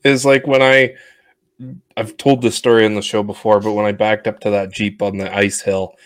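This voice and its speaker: A man's voice: fairly low pitch, flat delivery, normal speed, clear, resonant tone, no echo, studio quality. A man in his twenties co-hosting a casual podcast, telling earnest, reflective stories. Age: 20s. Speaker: podcast co-host, tow operator. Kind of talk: casual chat.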